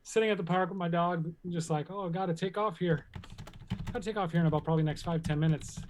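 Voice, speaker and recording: A man's voice: sits high, fairly even intonation, fast talker, darkish tone. A man joining as a contestant, out of breath and chatty, telling a story with amusement. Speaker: game show contestant. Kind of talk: casual chat.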